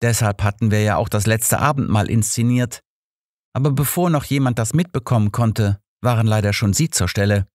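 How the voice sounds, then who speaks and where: A man's voice: fairly low pitch, a little fast, a little mellow, no room sound, studio quality, natural voice. A man voicing an earnest young male pastor who justifies himself in an audiobook. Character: young male pastor, bitter, defensive confessor.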